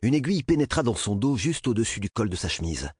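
A man reading a novel aloud as narrator, with an expressive, dramatic delivery on a close studio mic. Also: medium pitch, quick pace, slightly rough, no room sound. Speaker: audiobook narrator. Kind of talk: scripted narration.

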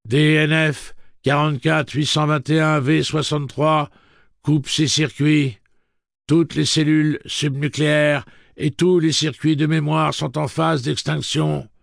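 A man voicing a male messenger robot that is powering down, reciting its shutdown message in a clipped monotone. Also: on the high side, unhurried, gravelly, dry recording, studio quality, voice pushed up. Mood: mechanical. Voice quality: monotone, clipped machine delivery. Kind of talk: audiobook character voice.

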